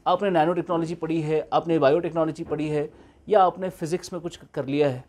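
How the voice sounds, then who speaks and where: A man teaching an online economics class. He switches between slow, deliberate English and quicker Hindi, and keeps checking that the class understands. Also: on the high side, fairly even intonation, darkish tone.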